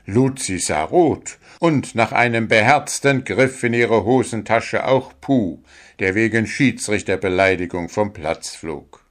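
A man narrating a children's story in a slow, measured way. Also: fairly low pitch.

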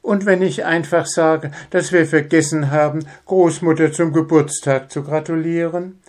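A man's voice: fairly high pitch, fairly even intonation, moderate pace, voice pushed up, close to an everyday voice. Man doing a fretful mother hare. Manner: hesitant, fretful. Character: female hare mother, anxious but sensible.

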